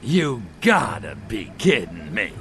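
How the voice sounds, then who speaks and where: An actor playing a sarcastic, brash alien invader in a video game. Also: male voice, lowish voice, huge pitch swings, takes it slowly, vocal fry, a bit bright, faint music behind, exaggerated voice. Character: cocky wisecracking male alien invader, sarcastic and trigger-happy. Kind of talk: video game character acting.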